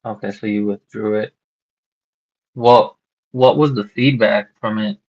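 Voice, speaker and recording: Heard over a dull, lo-fi phone line, a man with a lowish, steady voice cold-calls a homeowner about buying her house. This real estate wholesaler keeps the sales call casual but halting, packed with fillers and restarts.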